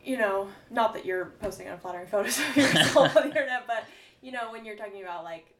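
A woman's voice: mid-range voice, fast talker, crowd noise. Woman host, roomy and distant. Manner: relaxed, musing, many "um"s and soft laughs. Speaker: podcast host. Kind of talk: casual podcast conversation. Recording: roomy, distant mic with faint background noise.

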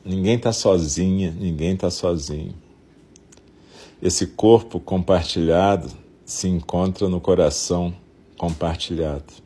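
Very low, breathy Brazilian man guiding meditation. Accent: Brazilian Portuguese. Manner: soft, soothing, gentle delivery with long pauses. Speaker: meditation guide. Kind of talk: guided compassion meditation.

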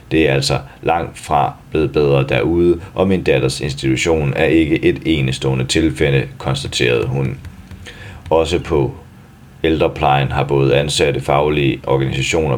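A man reading a news article aloud in a steady, even way, even speaking the punctuation. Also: very deep voice, slight background noise.

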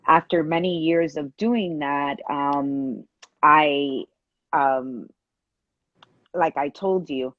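Low-voiced middle-aged woman telling her story. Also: drawn-out words, long pauses, no room sound. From Cuban-American family. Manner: thoughtful, many ums and you-knows. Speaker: guest, energy practitioner. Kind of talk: reflective storytelling interview. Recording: dull lo-fi sound, dry.

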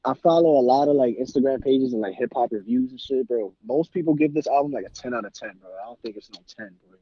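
A man's voice: medium pitch, quick pace, dry recording, muffled recording. A young man in casual debate with friends, talking in laid-back, slangy bro talk. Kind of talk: casual hip-hop album debate.

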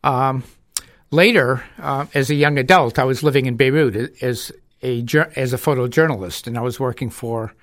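A middle-aged man speaking as a guest on a talk radio show, with a voice of ordinary pitch. He tells his story in a measured, reflective way. The studio sound is dry and close. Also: a bit bright, dry recording. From United States. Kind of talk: radio interview. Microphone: studio mic with headphones.

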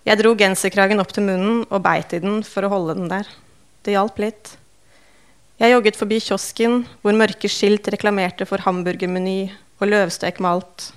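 A woman reading a first-person novel aloud in calm, measured, understated narration. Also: mid-range voice, smooth. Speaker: audiobook narrator.

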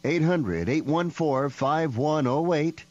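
A man reading a radio commercial in an upbeat hard-sell pitch, heard over a radio broadcast. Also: slow pace, a little mellow. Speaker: commercial announcer. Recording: dull lo-fi radio audio with music behind.

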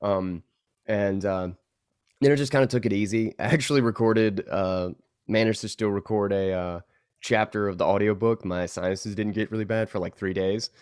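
Still stuffed up after being sick, this podcast guest laughs and rambles through stories, using many fillers in a casual interview chat. His lowish voice is clear, resonant, and darkish, with fairly even intonation and a moderate pace, in a dry, studio-quality recording.

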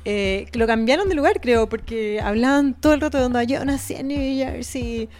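A woman's voice: fairly high pitch, moderate pace, darkish tone. A young Chilean woman co-hosting a casual pop culture chat, slangy and laughing often.

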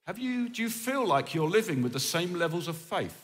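A man preaching a sermon in short phrases, paused for a live interpreter, telling stories with animation. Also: sits high. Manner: animated, storytelling. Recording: long reverb of a large hall.

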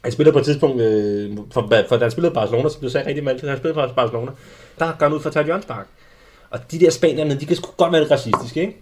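A young adult man hosting a casual sports podcast, telling lively anecdotes with many restarts. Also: mid-range voice. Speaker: podcast host. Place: small studio.

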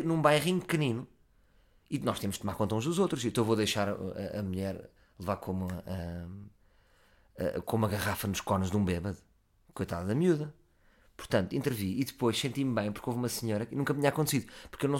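Fast, animated Portuguese storyteller. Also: male voice. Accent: European Portuguese. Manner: animated, swings between loud and low. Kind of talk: comic storytelling.

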